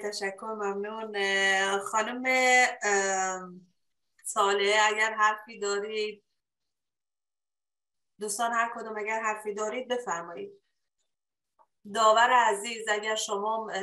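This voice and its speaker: A woman's voice: medium pitch, flat delivery, long pauses, pushed and bright, echoey room, poor audio. A woman hosting a poets' round table, politely inviting each guest to speak, with hesitant fillers. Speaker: host.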